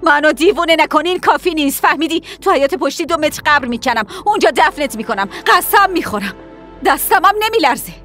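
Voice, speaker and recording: A furious high-voiced mother. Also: animated, a bit bright, soft background music. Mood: furious scolding. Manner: berating, threatening. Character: fierce mother scolding her grown son. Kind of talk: dubbed TV drama acting.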